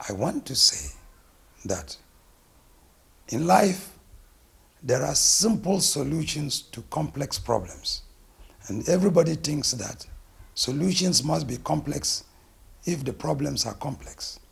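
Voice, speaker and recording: A middle-aged man from Ghana with a Ghanaian accent, a naturopathic physician introducing himself and his work in a deliberate, emphatic way. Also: fairly high pitch, very animated, vocal fry, breathy edge. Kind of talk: self-introduction interview.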